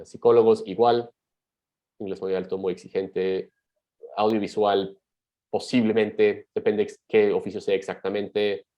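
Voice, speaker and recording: A man advising on migration, reading out viewer questions and answering them quickly while thinking aloud in a live webinar. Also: on the low side, rough recording.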